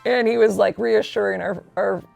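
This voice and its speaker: A chatty woman co-hosting a relaxed question-and-answer show, laughing easily between sentences. Her voice carries heavy gravelly fry, with faint music underneath. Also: medium pitch, moderate pace. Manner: chatty, giggly, warm banter. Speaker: co-host. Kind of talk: casual chat.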